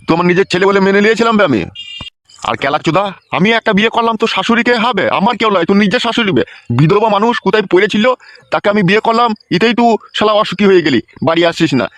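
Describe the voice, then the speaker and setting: A man's voice: high voice, very fast, dry recording, lightly acted. A man voicing an exasperated, cursing middle-aged father in a cartoon, ranting coarsely. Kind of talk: cartoon voice acting.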